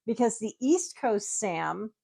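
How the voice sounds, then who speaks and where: A woman's voice: fairly high pitch, lively intonation, slow, vocal fry, mellow. Chatty woman showing off her collection. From United States. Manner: explains at length, laughs often. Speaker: guest, tiki mug collector. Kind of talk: casual chat, show-and-tell.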